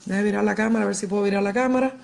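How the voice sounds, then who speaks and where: This middle-aged livestream host has a Cuban accent and a mid-range, slightly mellow voice with a steady tone and vocal fry, and she races along. Casual and emphatic, she repeats herself while addressing viewers directly. She's in a large living room at home on a wired earphone mic.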